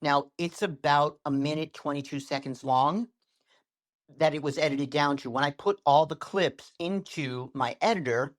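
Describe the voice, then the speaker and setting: Animated male storytelling coach. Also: on the high side, moderate pace. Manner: animated storyteller, varies speed and tone for effect. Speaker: guest, social media coach. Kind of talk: podcast interview.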